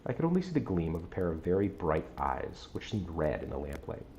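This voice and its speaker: A man reading a gothic novel aloud with a measured, dramatic storytelling delivery. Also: deep voice, sing-song, vocal fry, darkish tone, lo-fi sound, a little hiss or hum. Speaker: audiobook-style reader on a stream.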